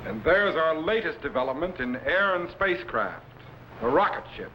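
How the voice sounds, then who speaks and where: An actor playing an authoritative, courteous time-traveling captain who lectures formally in the declamatory style of a 1950s TV sci-fi serial. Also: male voice, a little high, very animated, normal speed, slight background noise. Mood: proud, instructive. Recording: dull, lo-fi vintage broadcast recording.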